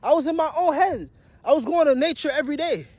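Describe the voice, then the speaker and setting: A young man in his twenties delivers a profane motivational rant straight to his viewers in a strikingly high voice. He talks bluntly and hammers each point with repetition, worn and sweaty from a long shift. The sound is close and dry. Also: fast, a little mellow, no echo. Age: 20s. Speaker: vlogger and aspiring musician.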